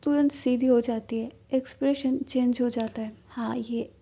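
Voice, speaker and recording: A woman reading a scripted romance story aloud as narrator in a steady, descriptive way. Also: sits high, moderate pace.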